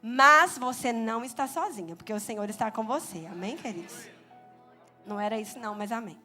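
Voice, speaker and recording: A Brazilian woman in her thirties preaching a Sunday sermon in church, animated and acting out little quoted voices. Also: on the high side, brisk, faint music behind. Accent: Brazilian Portuguese. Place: church sanctuary.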